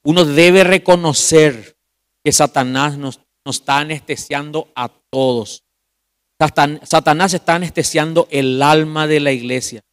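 A man preaching as pastor at a youth meeting calls his listeners brother and poses rhetorical questions. His voice sits on the high side and is clear, resonant and steady in tone, swinging widely between loud emphasis and hushed, drawn-out phrases.

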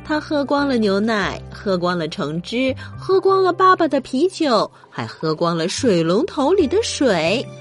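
A woman's voice: a little high, a little slow, few pauses, soft background music. A woman hosting a children's bedtime story show, narrating expressively as if speaking straight to young listeners. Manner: expressive, addresses children with questions.

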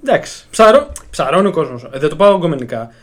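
A young man in casual chat as a podcast co-host, brash and swearing, with quick comebacks. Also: on the high side, sing-song, fairly bright tone.

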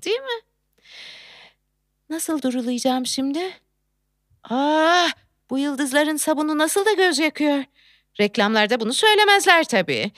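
A woman's voice: sits high, fairly bright tone, dry recording, clean studio sound. Woman playing a frantic young working mother. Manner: frantic, exclaiming, coos to a baby. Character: flustered young working mother, factory worker. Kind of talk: theatrical monologue.

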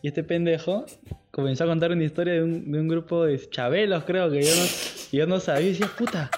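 A man's voice: on the high side, steady tone, quick pace, over music. A young man, co-hosting a podcast, telling stories in slangy, teasing chat. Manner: slangy, teasing, tells stories with quoted voices. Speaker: podcast co-host. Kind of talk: casual chat.

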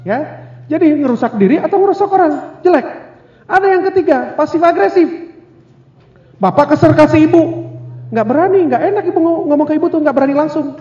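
A man giving a lively seminar talk on communication. He asks the audience questions and acts out little scenes. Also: extremely high pitch, a little fast, long pauses. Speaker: speaker on family communication. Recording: echoey hall, dull lo-fi sound.

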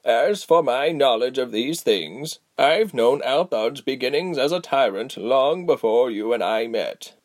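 A man voicing an old, tired, wise female healer who speaks slowly, calmly and sternly. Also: medium pitch, natural voice. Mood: weary. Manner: slow, calm, measured, stern. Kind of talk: audiobook character voice.

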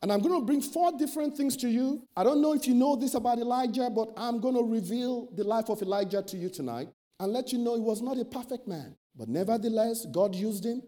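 A man's voice: very high voice, expressive, fairly quick, few pauses, mellow. A man preaching a sermon, emphatic, building lists and rhetorical questions.

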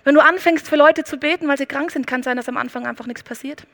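A woman's voice: high-pitched, quick pace, a bit bright. A woman preaching a sermon, speaking emphatically and addressing the listener directly.

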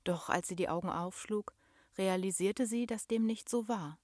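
A young adult woman reads a storybook aloud, expressive and slow, dropping to a whisper at tense moments. Her voice is medium-pitched, recorded in studio quality with no echo.

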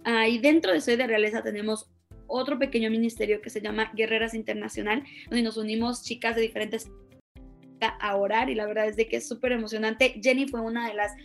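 A young woman from Ecuador in her twenties, a youth pastor, speaking warmly and earnestly as a podcast guest. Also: on the high side, fairly even intonation, brisk, vocal fry, soft background music. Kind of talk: interview conversation.

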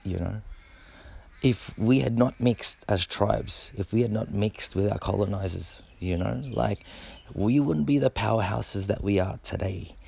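A man's voice: lowish voice, measured pace, vocal fry, warm tone, slight background noise. A middle-aged man who breakdances, talking to camera in a laid-back, rambling way, swearing freely and repeating words. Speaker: b-boy. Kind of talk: casual monologue to camera.

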